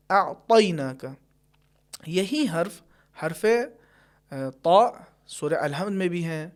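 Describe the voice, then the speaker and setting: A man teaching Quran recitation, explaining pronunciation patiently and carefully, and slowing down to demonstrate each sound. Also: high-pitched. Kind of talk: tajweed lesson with slow recited examples.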